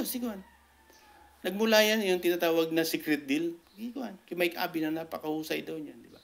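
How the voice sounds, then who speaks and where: A man giving casual political commentary as a vlogger, animated and repetitive, his voice jumping up in pitch when he makes a point. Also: creaky. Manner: animated, repetitive, keeps asking "di ba?"; rises sharply in pitch when making a point.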